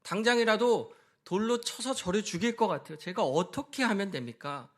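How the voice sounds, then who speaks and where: A man's voice: high-pitched, lively intonation, normal speed, voice pushed up. A man voicing Moses as a desperate leader crying out to God, pleading with a raised, anguished voice.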